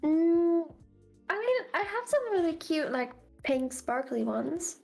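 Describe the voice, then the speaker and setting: A woman's voice: very high voice, very animated, slow, creaky, darkish tone, faint music behind. A young woman chatting casually as a guest on a livestream, giggly and playful.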